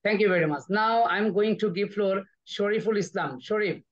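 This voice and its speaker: A man's voice: high-pitched, normal speed, lo-fi sound. A man, a teacher hosting an online session, who speaks briefly and encouragingly while handing the floor to students. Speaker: English teacher and host.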